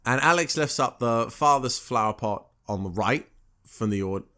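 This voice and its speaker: Halting podcast co-host man. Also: medium pitch, sharp tone, clean tone. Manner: halting, filler-heavy, self-correcting. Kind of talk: casual chat recapping a TV episode.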